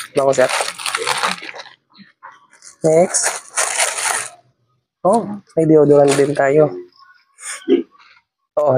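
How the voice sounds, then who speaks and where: Flat-voiced polite young man. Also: on the high side, slight background noise, poor audio. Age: young adult. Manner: polite, flat, soft-spoken thanks. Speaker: student guest. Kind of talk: casual chat.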